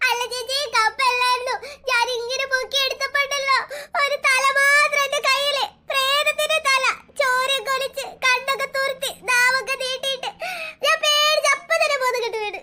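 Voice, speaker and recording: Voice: very high voice, steady tone, fast, hardly any pauses, bright, forceful tone, pitched above the performer's own voice, exaggerated voice. A voice actor playing a frightened, tearful little cartoon girl telling her family what scared her. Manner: whiny, tearful storytelling. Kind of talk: cartoon voice acting.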